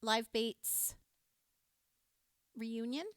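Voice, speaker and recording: A woman's voice: fairly high pitch, fairly even intonation, very slow, clear, resonant tone, dry recording. A woman in her forties co-hosting a live show-tunes stream from a home studio, chatting, laughing easily and reading out viewer comments. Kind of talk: casual chat between songs. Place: dedicated home recording space.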